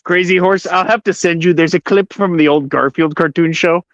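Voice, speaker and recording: High-voiced joking man, lo-fi sound. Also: fairly even intonation, normal speed, dry recording. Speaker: stream co-host. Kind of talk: casual joking chat.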